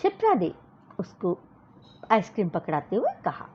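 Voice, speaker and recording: A woman narrating a children's story in an expressive, animated storytelling manner. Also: medium pitch, normal speed, slightly rough. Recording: dull lo-fi recording.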